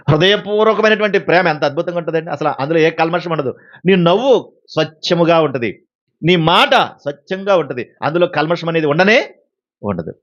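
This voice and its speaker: A man preaching a sermon, animated, asking the congregation questions and acting out everyday exchanges. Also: fairly high pitch. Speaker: pastor. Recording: dull, lo-fi recording.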